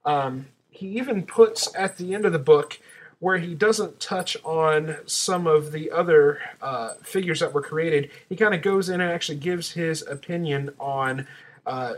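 A man reviews casually for a podcast, his voice a little on the high side. He rambles and halts as he goes, hesitating between thoughts. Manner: hesitant, halting delivery.

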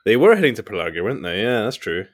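A man's voice: fairly low pitch, big pitch swings, racing. Frank, laughing man chatting. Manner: frank, swears freely, laughs often. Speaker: podcast co-host. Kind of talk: casual chat.

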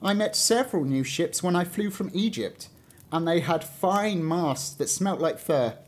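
A man's voice: fairly high pitch, animated, measured pace, pitched above the performer's own voice. A man voicing a self-assured old male stork with a knowing manner.

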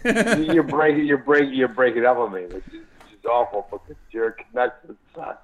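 Over a crackly, tinny cell phone line that keeps breaking up, a man calls into a radio show for a rambling live chat, swearing and stammering through many restarts. His mid-range voice moves a little fast against a noisy crowd behind him.

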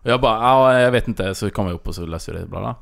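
A man's voice: fairly low pitch, gravelly. A man hosting a podcast, telling a story in casual chat and acting out what people said. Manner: animated storyteller, acts out dialogue. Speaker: podcast host.

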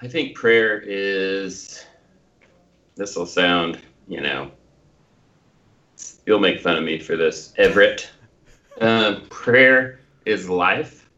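A middle-aged American man co-hosting a casual discussion, thoughtful and halting, with some self-deprecation. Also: low voice, expressive, sharp tone, dull audio. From Tulsa, Oklahoma, United States. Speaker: podcast co-host.

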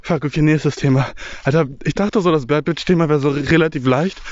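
A man's voice: fairly high pitch, fairly quick, darkish tone, dull audio. A young man talking casually while walking through a forest, slangy and rambling, a bit out of breath. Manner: slangy, mixes English words, rambling. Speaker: vlogger. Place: outdoors in a forest.

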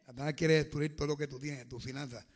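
A man preaching a fervent sermon, swinging from hushed to loud. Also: fairly high pitch, steady tone, fast.

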